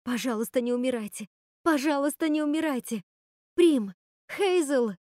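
A woman's voice: measured pace, dry recording, studio quality, natural voice. A woman reading aloud and voicing a young witch girl who fights to save her sisters, urgent and pleading. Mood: desperate. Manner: urgent, pleading, high-strung.

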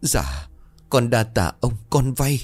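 A man's voice: medium pitch, sing-song, slow, slightly rough, no echo, soft background music, voice pushed up, heavily acted. A man voicing a frail poor village woman who speaks timidly and humbly, her voice raised. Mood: humble.

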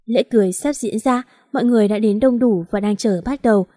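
A woman's voice: a little high, fairly quick, dark tone, no room sound, clean studio sound. Woman narrating a dramatic romance story. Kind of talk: scripted romance novel narration.

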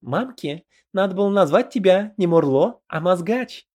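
A male narrator voicing a crowd of crude, squabbling goblins with shrill, cheeky shouting in an audiobook. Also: lively intonation, normal speed. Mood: rowdy.

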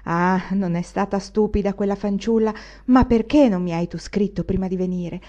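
A woman's voice: medium pitch, normal speed, mellow, lightly acted. A woman voicing an old widow who dotes on a young man she has not seen in years, pleading and affectionate in a dull recording. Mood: pleading, doting.

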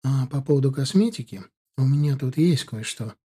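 A man doing a calm soothing young bride. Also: medium pitch, normal speed, husky. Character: calm level-headed young bride, reassuring.

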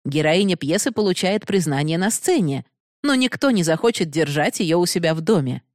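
A woman's voice: lowish voice, expressive, a little fast, darkish tone, dry recording, studio quality, natural voice. A woman voicing a stern, upright young man who lectures firmly and holds back his feelings. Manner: firm, lecturing.

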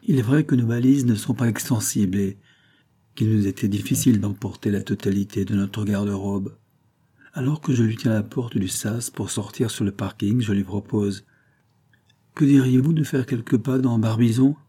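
A man reading a novel aloud in the first person, with a measured, intimate delivery. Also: lowish voice, steady tone, warm tone, husky. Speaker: audiobook narrator. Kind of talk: scripted novel narration.

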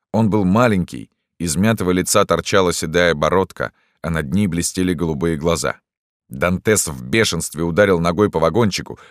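A man narrating an audiobook in an expressive, dramatic way. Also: deep voice, dry recording, clean studio sound.

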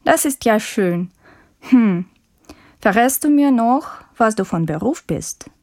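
A woman playing a friendly language-course student who interviews a classmate in a scripted textbook dialogue, speaking politely with clear, careful diction. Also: a little high, lively intonation, slow pace, a little mellow. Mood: friendly, curious.

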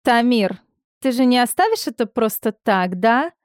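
A woman's voice: on the high side, measured pace, a little mellow, dry recording, studio quality, close to an everyday voice. A woman voicing a capricious, mocking young mistress in an audiobook.

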